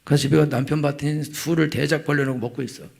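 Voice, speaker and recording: A middle-aged male pastor preaching a sermon, telling stories with lively, acted-out outbursts. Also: a little high, racing, vocal fry. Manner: animated storytelling, acting out angry prayers. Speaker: senior pastor.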